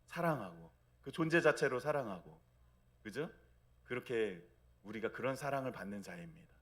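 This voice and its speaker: A man in his thirties preaching a Sunday sermon in a conversational way, often asking the congregation for agreement and acting out God's words in a soft, low voice. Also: lively intonation, moderate pace. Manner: acts out God's gentle speech in a soft low voice. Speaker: pastor. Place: church sanctuary.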